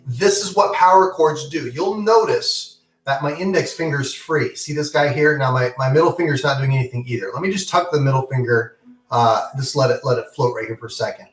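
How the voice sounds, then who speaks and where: A man's voice: medium pitch, brisk, echoey room. A man teaching an online guitar lesson in a casual, encouraging way, with many ums and okays. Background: guitar playing.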